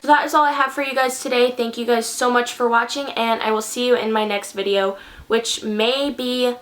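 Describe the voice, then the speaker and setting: Young pregnant woman vlogging, kinda high voice, chatty, says like a lot. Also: steady tone, normal speed, fairly bright tone, slight background noise. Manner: chatty, with frequent "like" fillers. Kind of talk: casual pregnancy update.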